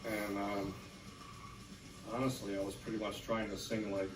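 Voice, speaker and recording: A man casually talking in an interview, relaxed and reminiscing. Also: lowish voice, moderate pace, noisy background. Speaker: band vocalist. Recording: roomy, distant mic, music behind.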